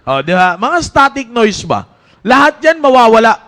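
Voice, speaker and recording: Brief: man, youth preacher, high voice, animated and joking, church sermon. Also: normal speed. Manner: animated, joking storyteller who breaks into laughter. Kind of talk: casual Taglish sermon to young people.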